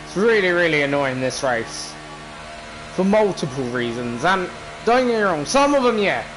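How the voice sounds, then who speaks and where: A man's voice: sits high, sing-song, normal speed, music in the background, rough recording. A British man giving casual, grumbling, exasperated commentary while playing a racing game. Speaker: gamer, video creator. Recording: racing car noise behind voice. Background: racing game engine sound.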